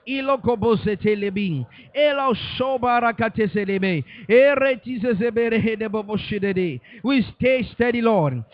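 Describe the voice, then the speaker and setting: A man's voice: high-pitched, no echo, lo-fi sound. A man leading fervent prayer, chanting repeated phrases in a rhythmic cadence and speaking in tongues. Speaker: prayer leader.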